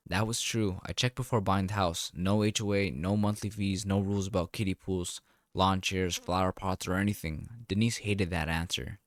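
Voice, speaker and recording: A man narrating a first-person story in a calm, wry, deliberate way. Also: sits low, no room sound, clean studio sound.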